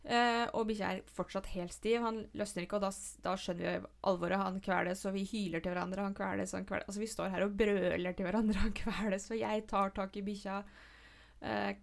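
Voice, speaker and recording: Middle-aged woman, casual storyteller, gravelly voice, animated retelling. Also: mid-range voice. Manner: animated, vivid retelling with restarts. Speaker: storyteller in conversation. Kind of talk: casual chat.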